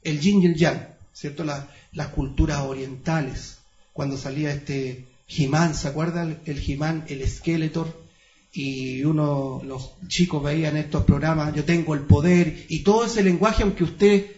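A man preaching a Bible-study sermon, reading scripture slowly with stress on each phrase and calling his listeners brothers with rhetorical questions. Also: fairly high pitch, steady tone, darkish tone, roomy sound, dull audio.

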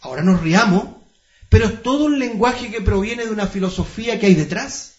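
A high-voiced male preacher leads a Bible study, drawing out scripture readings word by word and calling the congregation brothers. His voice rings in a roomy space, and the recording sounds a little dull. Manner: reads scripture slowly, stressing each phrase; addresses listeners as brothers, asks rhetorical questions.

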